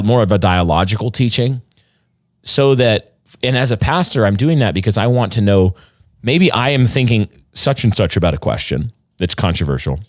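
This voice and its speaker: A man's voice: on the low side, no room sound, clean studio sound. A man, a pastor and podcast co-host, explaining his views in an earnest, rambling conversational way with frequent restarts. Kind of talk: casual conversational podcast chat.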